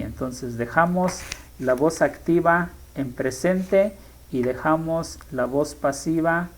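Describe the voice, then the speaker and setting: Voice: medium pitch, creaky, a little mellow, low-quality recording. A teacher explaining grammar in a lesson, thinking aloud and stopping often to correct themselves. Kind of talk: screen-share grammar lesson.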